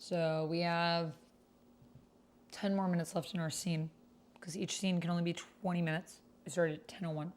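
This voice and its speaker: There's slight background noise as a woman with a lowish, slightly mellow voice speaks at a moderate pace with flat delivery. She hosts a tabletop roleplay livestream, chatting informally with viewers while reading chat and story text aloud.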